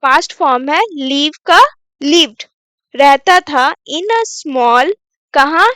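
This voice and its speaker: A woman teacher walks through a story one word at a time, asking and then answering her own questions. Her voice sits high and bright, and she talks slowly. The sound is dry and close. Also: no echo. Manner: asks questions then answers them, repeats words slowly. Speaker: English teacher. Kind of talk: bilingual English reading lesson.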